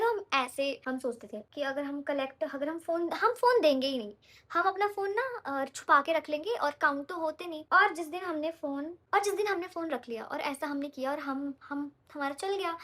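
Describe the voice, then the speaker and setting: A woman's voice: high-pitched, a bit bright. A young woman vlogger telling a story in a casual, chatty way while doing her makeup, often checking in with her viewers.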